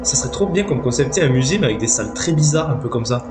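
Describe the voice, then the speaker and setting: Animated man doing crude gaming commentary. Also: medium pitch, very fast. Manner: crude, slangy, swears often; joking, self-deprecating. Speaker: gamer playing and commenting a horror game. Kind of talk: casual let's play commentary. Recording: loud game music behind the voice. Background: horror game music.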